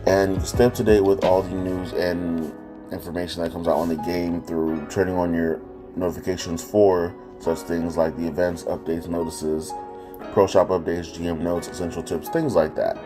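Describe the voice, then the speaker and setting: A man hosting a casual walkthrough of a game app, talking loosely with frequent ums and self-corrections, his voice captured as low-quality phone audio. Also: little pitch movement, normal speed. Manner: loose and chatty, frequent ums, corrects himself mid-sentence. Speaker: gaming channel host. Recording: low-quality phone recording with guitar music behind.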